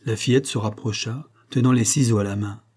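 A man narrating a novel in a measured, even storytelling manner. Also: lowish voice, breathy edge. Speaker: audiobook narrator. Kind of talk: scripted narration.

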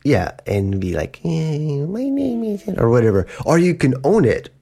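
The host of an English-teaching podcast, a man with a slightly high, sing-song voice that's creaky, dark in tone, and slightly rough, explains words patiently and casually at a normal speed. He acts out little example quotes in playful put-on voices.

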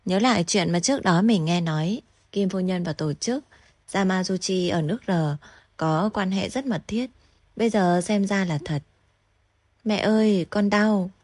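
Low-voiced woman narrating a novel. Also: normal speed, a little mellow, dry recording. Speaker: audiobook narrator.

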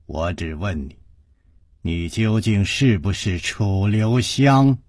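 A male storyteller voicing a cold, menacing older male villain who speaks low and hushed with a threatening edge. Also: lively intonation, slow pace, no room sound, clean studio sound. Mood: cold menace. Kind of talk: traditional storytelling performance.

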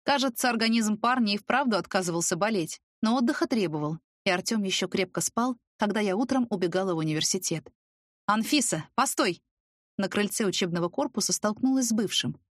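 Woman, first-person audiobook narration, soft and even, very dry close sound. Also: medium pitch, fast, few pauses, no echo. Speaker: audiobook reader.

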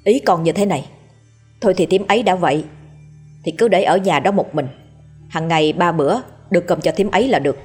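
A woman's voice: on the low side, brisk, breathy edge, faint music behind. A woman voicing a practical, dutiful adult son in a ghost story, speaking earnestly.

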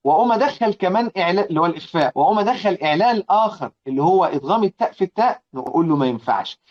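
A man with an Egyptian accent teaching Quran recitation in a classroom lecture. He asks and answers his own questions, repeats key points and chants quoted verses slowly. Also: fairly high pitch, a little mellow, dull audio. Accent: Egyptian Arabic. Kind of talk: classroom lecture explaining a didactic poem.

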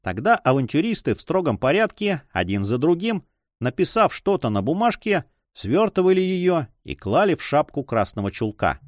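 A man narrating an adventure novel in an expressive, dramatic reading. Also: fairly high pitch, moderate pace, dry recording. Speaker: audiobook narrator. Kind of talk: scripted narration.

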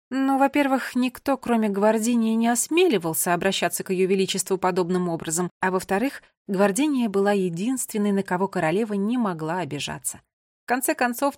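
A woman reading an audiobook in a measured, expressive storybook narration. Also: mid-range voice, dry recording, studio quality.

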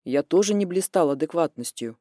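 A woman voicing a calm, blunt young man who speaks in a level, understated way. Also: low-pitched, a little fast, no room sound, clean studio sound, voice pushed down. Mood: quiet steady. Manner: level, even, understated delivery.

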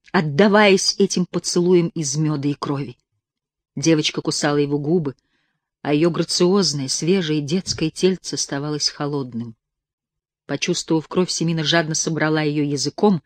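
A woman narrating a mystic story as an audiobook reader, with intense, hushed dramatic delivery. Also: low voice, no echo. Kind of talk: audiobook reading of a mystic tale.

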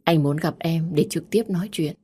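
A woman's voice: deep voice, moderate pace, warm tone, breathy edge. A woman reading a pleading young man. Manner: pleading, insistent.

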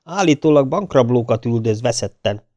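Egy férfi felolvasó, aki egy hangoskönyvben egy mogorva, nyers modorú, középkorú börtönhadnagyot szólaltat meg. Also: male voice, mid-range voice, expressive, warm tone, dry recording, muffled recording, close to an everyday voice. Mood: gruff. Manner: gruff, blunt. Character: gruff male prison lieutenant, middle-aged.

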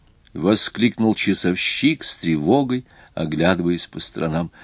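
A male audiobook narrator with a low voice reads a classic adventure novel in a measured, even storytelling manner. The recording is dry and close, with no room sound. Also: breathy edge, no echo. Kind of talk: scripted literary narration.

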